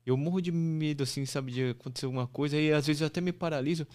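A man's voice: fairly high pitch, fast talker. A man, a podcast guest telling a heartfelt story in a casual, emotional way. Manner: animated, emotional, repeats "meu" and "pô".

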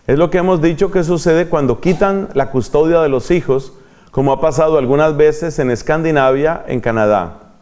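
A man's voice: a little high, moderate pace, a little mellow. A man with a Colombian accent preaching a retreat sermon, repeating key phrases for emphasis and answering his own questions. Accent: Colombian Spanish.

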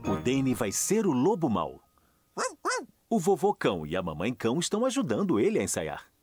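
A man's voice: medium pitch, huge pitch swings, normal speed, music in the background. A man giving scripted storybook narration for a dubbed children's cartoon.

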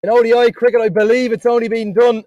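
A man calling a cricket match live from the commentary box, building to excited shouts at the big moments. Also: very high voice, fast, no echo, muffled recording.

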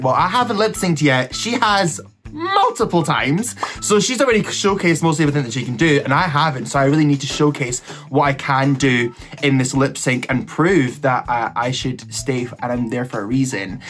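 A man's voice: medium pitch, brisk, a bit bright. A young man with a camp, gossipy, slangy manner, chatting through a makeup tutorial as a drag queen. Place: small indoor setup before a cloth backdrop. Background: background music.

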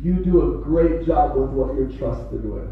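A man in his forties preaching in a church hall, giving short encouraging lines that leave room for an interpreter. His voice sits a bit high for a man. It rings through a big echoey room and comes from a distance, slightly muffled. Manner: short encouraging phrases, pausing for translation. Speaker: visiting preacher.

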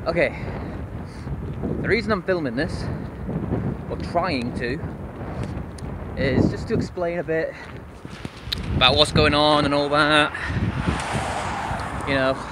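A young man chatting casually in a halting, exclaiming way for a vlog, walking outdoors with wind buffeting his handheld microphone. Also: on the high side. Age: young adult. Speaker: vlogger. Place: outdoors on a windy snowy roadside. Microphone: handheld camera at arm's length. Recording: loud wind buffeting the mic.

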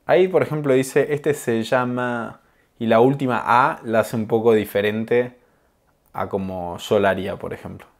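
Calm low-voiced teacher man. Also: moderate pace, vocal fry. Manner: calm, explanatory, amused. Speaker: Spanish teacher. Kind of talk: explaining language points over clips.

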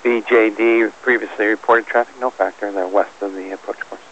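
Fast, low-voiced male tower controller on radio. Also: steady tone, fairly bright tone. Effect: air band radio. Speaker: airport tower air traffic controller. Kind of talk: clipped air traffic instructions. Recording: muffled radio with faint static.

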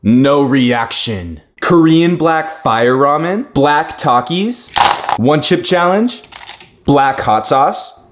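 A young man announcing food-challenge items one by one in clipped, deadpan short phrases. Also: a little high, slow, noisy background. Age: young adult.

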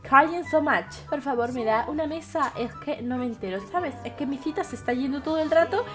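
A young Spanish woman with a high voice, talking casually over her gameplay. She chats and exclaims as she reacts to what happens on screen. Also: fairly quick, darkish tone, faint music behind. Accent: Spain Spanish. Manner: chatty, exclaims and reacts to the game. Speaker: gaming YouTuber.

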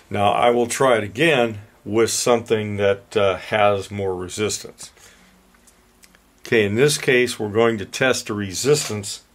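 An older man, an HVAC repair instructor, explaining a hands-on meter demonstration in a plain, folksy, unhurried way at a workshop bench. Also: lowish voice, vocal fry, a little hiss or hum.

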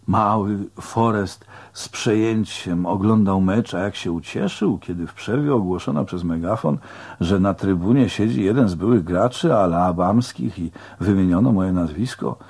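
A man's voice: sits low, a little mellow. A man narrating a first-person audiobook in a plain-spoken, colloquial way.

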